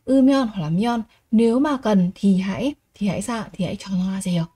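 Fast-talking woman teaching vocabulary. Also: medium pitch, mellow, breathy edge. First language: Vietnamese. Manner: repeats each word slowly, asks rhetorical questions. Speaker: Korean language teacher. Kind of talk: vocabulary lesson.

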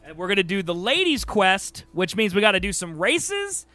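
A man's voice: sits high, sing-song, moderate pace, pushed and bright, no echo, faint music behind. A man in his thirties giving casual live commentary as he streams a video game, close on the mic. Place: small room indoors. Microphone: close microphone on a stand.

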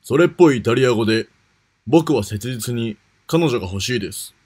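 A man announces in a scripted style for a contest. His voice is mid-pitched and husky. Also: animated, fairly quick, darkish tone.

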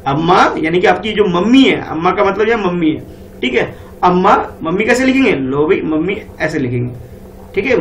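A male teacher explaining a children's poem to young pupils. He asks the class questions, answers them himself, and reads the poem lines slowly. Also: high-pitched, a bit bright. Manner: slow, drawn-out reading of poem lines. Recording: echoey room, mic at a distance, faint background hum.

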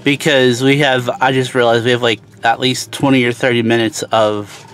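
A man's voice: mid-range voice, flat delivery, normal speed. A man in his thirties chatting casually to a phone camera from inside a moving car, rambling and talking to his viewers. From North Carolina. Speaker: travel vlogger. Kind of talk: casual chat. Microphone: phone camera held close. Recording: loud road noise in car.

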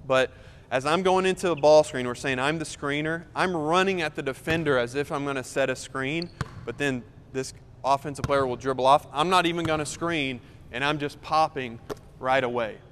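A man's voice: a little high, normal speed, a bit bright. A young man coaching basketball, explaining plays in a loose, conversational way while walking through them on the court. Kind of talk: casual on-court demonstration. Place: large indoor gym. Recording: echoey gym with long reverb, faint noise.

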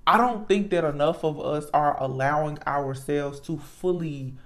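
A tarot reader talking casually and reflectively, earnest and emphatic, often halting and repeating words. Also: mid-range voice, fairly bright tone. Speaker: tarot reader, channel host.

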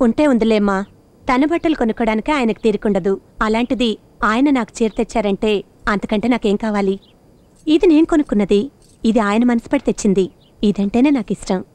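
A woman's voice: fairly high pitch, quick pace, a little mellow, no room sound, lightly acted. An actress playing a talkative, devoted middle-aged wife and mother in a film. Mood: contented. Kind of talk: film dialogue.

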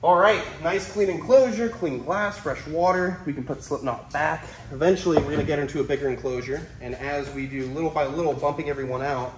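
Exuberant young male wildlife vlogger, higher-pitched. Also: fairly quick, few pauses, noisy background. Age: young adult. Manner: exuberant, playful, enthusiastic. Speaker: wildlife host, snake keeper. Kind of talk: casual excited wildlife vlog narration. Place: indoor concrete-floored reptile room. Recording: echoey hard-floored room.

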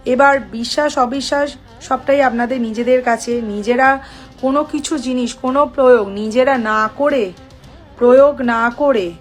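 A woman astrologer with a Bengali accent, giving spiritual advice to viewers in an instructive way, repeating points and spelling out syllables slowly. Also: high-pitched.

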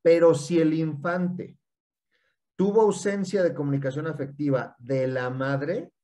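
An animated man with a Mexican accent talks through his ideas in a relaxed, explanatory way. His voice sits a little high for a man, and he keeps stringing points together. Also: measured pace. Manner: animated, repeats "y entonces". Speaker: guest speaker. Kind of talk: casual explanatory talk.

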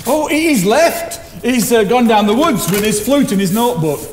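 An older man playing a kindly, halting, bumbling country fellow in a stage play. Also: extremely high pitch, lively intonation. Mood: flustered. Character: kindly, flustered, loyal old rustic man. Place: indoor theatre stage. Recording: echoey theatre stage, slight noise.

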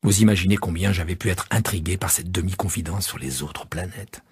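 Gravelly, husky male storyteller. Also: low voice, fairly quick, darkish tone, no room sound, clean studio sound. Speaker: storybook narrator. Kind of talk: reading a storybook aloud.

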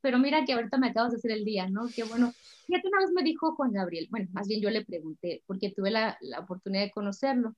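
A middle-aged Mexican woman, a singer, chatting warmly and emotionally in an interview. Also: a little high, expressive, quick pace. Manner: warm, chatty, emotional storytelling. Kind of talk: casual interview chat. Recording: slightly dull lo-fi sound.

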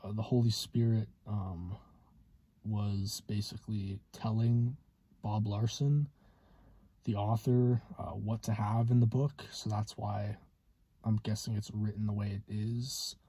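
A man in his twenties talking casually to camera in a hesitant, halting way, with a slightly husky voice, inside a car. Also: fairly low pitch, fairly even intonation, warm tone, no room sound. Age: 20s. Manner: hesitant, halting with long pauses. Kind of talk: casual vlog monologue.

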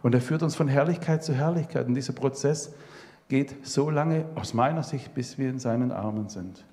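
A man's voice: mid-range voice, moderate pace. Man preaching in a reverberant hall. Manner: emotional storytelling, drops to a soft hush. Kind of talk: sermon testimony. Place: church hall.

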